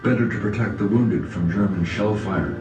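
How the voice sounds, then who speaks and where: A man with a fairly low voice reads documentary narration in an even, measured way. The sound carries from a distance across a roomy space. Loud music plays under him. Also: dull audio.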